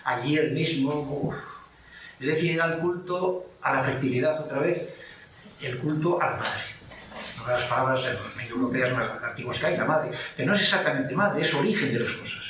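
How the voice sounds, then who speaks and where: A man's voice: mid-range voice, moderate pace, a bit bright, a little hiss or hum. A man with an Asturian Spanish accent giving a rambling, anecdotal talk on place names at a book presentation. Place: lecture hall. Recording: echoey hall from far off.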